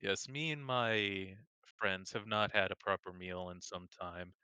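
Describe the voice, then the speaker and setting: A man playing a tabletop game, talking in character, polite and measured. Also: low-pitched, bright, forceful tone, clean tone, no echo. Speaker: player.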